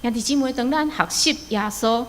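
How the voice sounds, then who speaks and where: A woman preacher with a Taiwanese accent delivers a sermon in a fairly high voice. She moves between storytelling and exhortation, often posing rhetorical questions. Her words ring out with the long reverberation of a hall. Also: fairly quick, a bit bright, a little hiss or hum.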